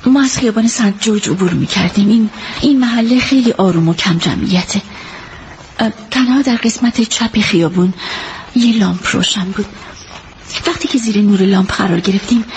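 A woman's voice: medium pitch, a little hiss or hum, natural voice. An actress playing an earnest female witness who carefully recounts a night's events to a detective, in a radio drama dub. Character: earnest female witness, loyal to her friend. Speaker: witness giving a statement.

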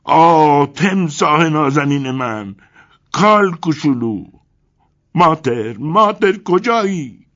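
A man voicing a frantic, greedy German menagerie owner who wails and blusters loudly. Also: mid-range voice, very animated, breathy edge, highs cut off, pitched above the performer's own voice. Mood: wailing. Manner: loud wailing cries, blustering demands.

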